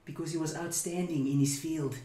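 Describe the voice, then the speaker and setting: A man's voice: fairly high pitch, fairly even intonation, fairly quick, dark tone, a little hiss or hum. A young man telling dad jokes in a casual face-off, giving setups and punchlines, recorded outdoors from a camera a little way off. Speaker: dad joke contestant. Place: outdoors on a couch by a brick house wall. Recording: echoey sound.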